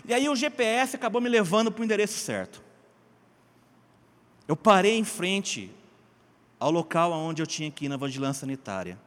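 Um homem brasileiro contando um testemunho em tom de pregação, animado, alternando gritos e murmúrios e chamando os ouvintes de gente e queridos. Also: male voice, sits high, big pitch swings, moderate pace, long pauses, a bit bright, long reverb tail. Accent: Brazilian Portuguese. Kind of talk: sermon-style personal testimony.

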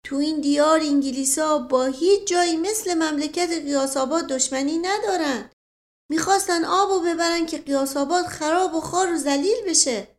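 A woman's voice: high-pitched, pitched above the performer's own voice, lightly acted. Woman voicing a boastful old manservant. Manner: rambling tall-tale telling. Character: boastful old male family servant, folksy.

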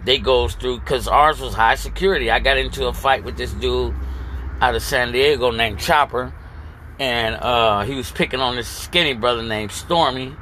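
A man's voice: medium pitch, moderate pace, sharp tone, a little hiss or hum. An older man telling his own story in a blunt, profane street manner, with many restarts. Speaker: storyteller recounting his past. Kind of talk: casual spoken memoir.

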